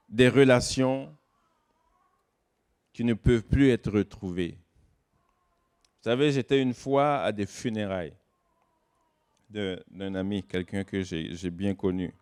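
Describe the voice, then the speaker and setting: A man giving a sermon as guest pastor, swinging between loud, slow emphasis and soft, low asides. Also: clean tone. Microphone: online church service recording.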